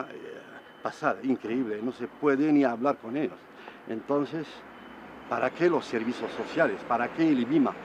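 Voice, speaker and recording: On a city street beside a van, an evicted resident in his forties gives an indignant street interview, gesturing and pointing as he talks. He halts and repeats words while searching for them. His mid-range voice is caught by a close camera mic, with the highs cut off and a little hiss or hum.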